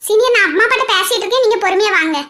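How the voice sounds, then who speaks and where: Woman as a bright, eager young wife with a very high voice; animated drama. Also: racing, slight background noise. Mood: cheerful. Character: cheerful young bride, sweet and chatty. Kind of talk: cartoon voice acting.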